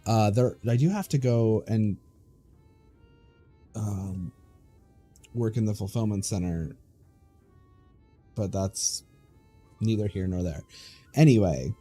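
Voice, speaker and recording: A man streaming a game, chatting casually in a relaxed, hesitant way with many pauses and ums. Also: fairly low pitch, husky, soft background music.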